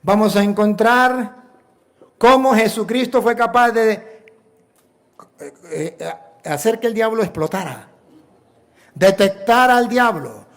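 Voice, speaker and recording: A Venezuelan priest preaching a sermon in an emphatic, repetitive way, full of rhetorical questions. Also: male voice, high voice, slow, long pauses. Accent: Venezuelan Spanish.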